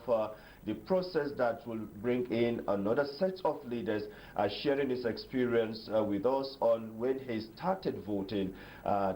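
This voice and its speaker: A man with a Nigerian accent anchoring live election coverage off the cuff, speaking haltingly with many filled pauses. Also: fairly low pitch, mellow, a little hiss or hum, rough recording. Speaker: news anchor.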